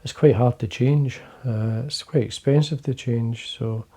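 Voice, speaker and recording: A Scottish man who hosts fly-fishing videos talks quietly and casually to the camera from his fly-tying desk, rambling along with fillers and restarts. His voice is medium in pitch and steady in tone, and he speaks a little slowly.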